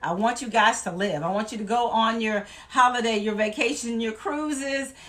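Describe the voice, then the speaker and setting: A woman from Louisiana talks straight to her viewers in an emphatic, folksy vlog. Her voice sits a little high, and she preaches with warm conviction. She leans hard on repeated phrases to drive her points home. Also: normal speed. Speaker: weight-loss vlogger. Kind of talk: motivational vlog talk.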